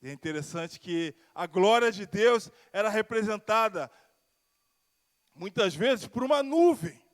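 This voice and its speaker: In a church sanctuary, a pastor from Rio de Janeiro preaches a sermon woven with personal testimony, his Carioca Brazilian Portuguese voice pitched high for a man. He is animated but measured, swelling and dropping in pitch and volume and drawing out key words, while a long hall reverb trails each phrase.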